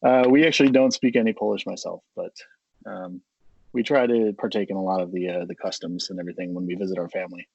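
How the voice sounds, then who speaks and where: Husky, gravelly American man. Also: deep voice, fairly even intonation, fast, a little mellow, dry recording, highs cut off. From United States. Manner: friendly, rambling, with many fillers. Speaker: coffee company co-founder, guest. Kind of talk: casual interview.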